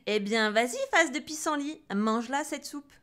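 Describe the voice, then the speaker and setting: A woman's voice: sits high, moderate pace, a bit bright, pitched above the performer's own voice. A woman voicing a rude, gloating female witch in a storybook reading, with sneering singsong taunts. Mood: bossy.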